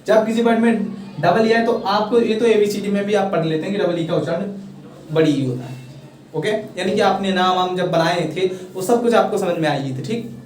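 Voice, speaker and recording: A high, slightly mellow male voice at normal speed belongs to a young English teacher with a Hindi accent. He's casually explaining a pronunciation lesson, frequently checking that students follow, coaxing and encouraging them with repeated "thik hai." The recording carries a little hiss or hum, with echoey room sound and the voice distant.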